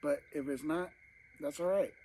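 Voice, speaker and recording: A man's voice: a little high, moderate pace, warm tone, husky, low-quality recording. A man vlogging casually to camera while eating, rambling and talking with his mouth full, at home at night. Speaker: mukbang vlogger.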